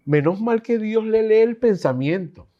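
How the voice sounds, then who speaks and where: A man teaches a Bible class in a lively, conversational manner, full of asides. His voice sits fairly high for a man. The recording sounds dull and lo-fi. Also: a little slow. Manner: animated, chatty teaching with asides and laughs.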